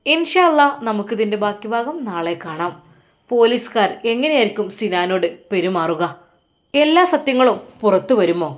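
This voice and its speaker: A woman storyteller narrating a dramatic tale. Her delivery is emphatic, with a middle pitch and sudden raised exclamations. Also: expressive, moderate pace.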